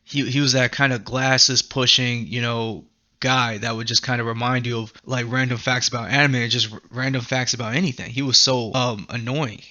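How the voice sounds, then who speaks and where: A man's voice: mid-range voice, level tone, normal speed, pushed and bright, dull audio. A man hosting an anime commentary, rambling profanely and laughing often in casual rant style. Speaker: commentary host.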